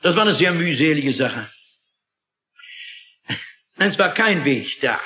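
A man's voice: a little high, expressive, slow, pushed and bright. A man preaching a sermon in an emphatic, dramatic manner, often asking the listeners rhetorical questions. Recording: echoey, dull lo-fi recording.

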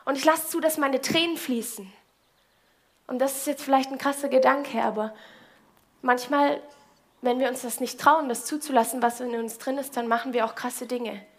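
A woman's voice: fairly high pitch, fairly even intonation, normal speed. A woman giving a casual Bible devotional in colloquial speech, often turning to the listener with direct questions.

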